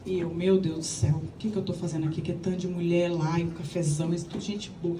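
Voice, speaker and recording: A woman from Minas Gerais, Brazil, with a Minas Gerais accent, telling her personal testimony to a live audience in an animated, chatty way and acting out the dialogue. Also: fairly low pitch, fast, echoey room, distant mic, a little hiss or hum, rough recording. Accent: Minas Gerais Brazilian Portuguese. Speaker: speaker giving a church testimony.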